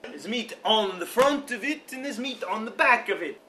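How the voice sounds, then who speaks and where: A man's voice: high-pitched, lively intonation, moderate pace, pushed and bright. A man playing an irritable, haughty duke who complains his way through a period comedy sketch. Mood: irritated.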